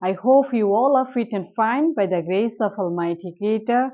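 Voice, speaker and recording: A woman teaching an online English pronunciation lesson, speaking slowly and deliberately and repeating each word for practice. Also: a little high, mellow, lo-fi sound.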